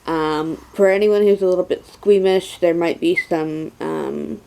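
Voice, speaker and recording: A young adult woman giving a casual personal update, halting, her speech slurred and lisping from having no teeth. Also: fairly low pitch, fairly even intonation, creaky, a little mellow. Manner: slow, halting, with many pauses. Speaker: vlogger.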